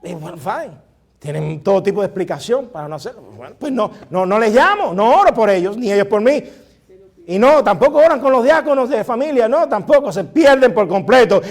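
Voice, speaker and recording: High-voiced male pastor preaching. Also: animated. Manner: preaching with drawn-out emphatic words, shifting from hushed to loud; chatty asides to the congregation. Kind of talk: sermon.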